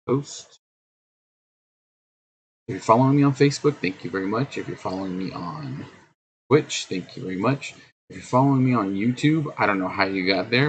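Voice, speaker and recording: A man's voice: lowish voice, creaky, a little hiss or hum, rough recording. A middle-aged man hosting his own live stream in casual chat, humming and scatting to fill the waits. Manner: chatty, hums and scats while waiting. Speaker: streamer host.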